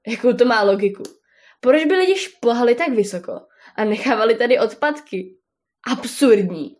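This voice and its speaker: A woman's voice: animated, natural voice. A woman voicing a boisterous, scornful male bear in a storybook reading, scoffing and mocking. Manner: booming laughter, scoffing.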